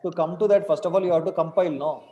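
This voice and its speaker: High-pitched Indian man teaching in an echoey room. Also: racing, muffled recording. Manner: informal, questioning, repeats instructions. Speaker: programming teacher. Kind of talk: interactive online class. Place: small indoor room. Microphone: computer mic on a video call.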